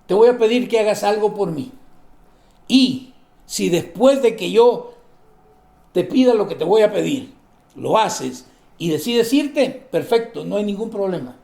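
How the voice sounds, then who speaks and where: A male pastor with a high-sitting, animated voice preaches a sermon at a slightly slow pace, with vocal fry, long pauses and a reverberant sound. He asks questions and answers them himself, acts out the people in his stories, and drops to a soft voice for asides.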